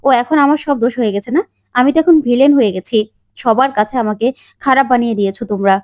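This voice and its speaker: A woman's voice: a little high, fast, a little mellow, dry recording, close to an everyday voice. A woman voicing a young daughter who defiantly accuses her family of ruining her life. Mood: indignant. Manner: accusing, pleading.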